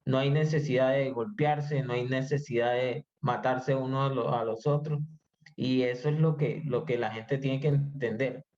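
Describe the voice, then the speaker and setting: A man with a mid-range voice answers interview questions, explaining his views calmly and pausing often to find his words. His delivery is measured and sincere. The audio sounds slightly dull and muffled. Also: mid-range voice. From Colombia. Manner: measured, explanatory, with frequent hesitations. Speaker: interview guest. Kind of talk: conversational podcast interview.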